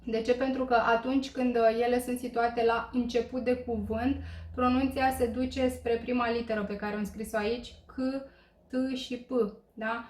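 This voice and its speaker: A woman's voice: on the high side, little pitch movement, darkish tone, a little hiss or hum. Hesitant woman teacher in an echoey room. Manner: hesitant, many filler pauses, checks in with listeners. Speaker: Korean language teacher. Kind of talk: explanatory lesson.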